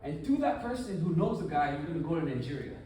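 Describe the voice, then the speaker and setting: Male speaker, conference talk, lively and chatty, fairly high voice, heard from a distance in a reverberant hall. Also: fast, slight background noise. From United States. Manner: animated, conversational, rhetorical questions. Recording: echoey room, from far off.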